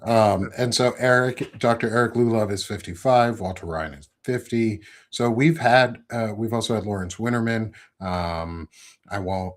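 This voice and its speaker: A man's voice: on the low side, moderate pace. A man in his thirties hosting a casual interview, rambling and correcting himself often with many ums. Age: 30s. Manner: rambling, filler-heavy, self-correcting. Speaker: podcast host.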